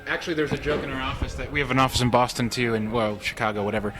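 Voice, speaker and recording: A man's voice: medium pitch, level tone, rapid-fire, over music. A man in casual podcast chat, talking loosely with many fillers and hedges.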